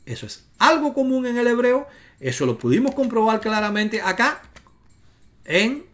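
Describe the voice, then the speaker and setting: A man gives a video lecture on Hebrew grammar, guiding viewers step by step through examples on screen. His pitch rises and falls widely as he stresses points, and he slows right down to sound out each syllable. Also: very animated, fairly bright tone. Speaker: Bible teacher.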